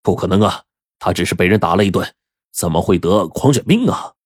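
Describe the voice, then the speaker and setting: A man voicing a hot-tempered male gang boss posing as a police officer, shouting in alarm. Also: low voice, lively intonation, fairly quick, slightly rough. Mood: shocked. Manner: shouting, startled.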